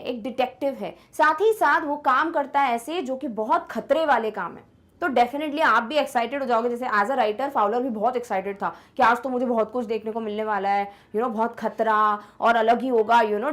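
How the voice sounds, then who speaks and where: A young woman teacher explaining an English story in Hindi, reading English lines slowly and checking if students follow. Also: on the high side. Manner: switches between slow English reading and fast Hindi explanation; asks checking questions like "clear?". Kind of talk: Hindi-medium English lesson, explaining text.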